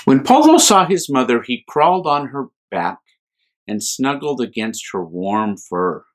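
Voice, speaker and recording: With a mid-range voice, a priest from the United States reads to children at storytime. He takes his time, keeping the reading soft and full of expression.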